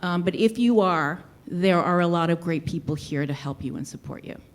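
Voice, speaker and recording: A woman with a lowish voice and a light Boston accent hosts a live podcast show in a brewery, speaking at a moderate pace in a chatty, easygoing manner.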